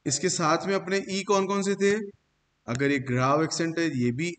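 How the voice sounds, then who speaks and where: A man's voice: a little high, animated, normal speed. A man teaching a French pronunciation class in a classroom, explaining rules step by step and praising his students. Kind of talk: classroom lesson with slides. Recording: long reverb, faint hiss.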